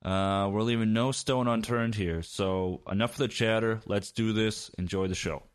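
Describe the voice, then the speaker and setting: In a smooth, lowish voice at a moderate pace, a man hosts a podcast and interviews a guest. His style is loose, relaxed and chatty, with fillers throughout the casual talk.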